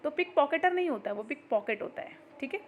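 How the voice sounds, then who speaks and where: A woman teaching an exam-prep grammar lesson, explaining patiently and reading example sentences slowly. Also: sits high, animated, slight background noise.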